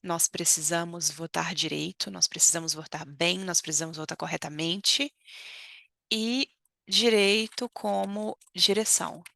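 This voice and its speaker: Brazilian woman, young adult, language teacher; unhurried, slightly gravelly delivery, dry close sound. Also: on the low side, bright, forceful tone, no room sound. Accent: Brazilian Portuguese. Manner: slow, careful, repeats words for learners. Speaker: Portuguese teacher. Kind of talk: vocabulary lesson explaining expressions.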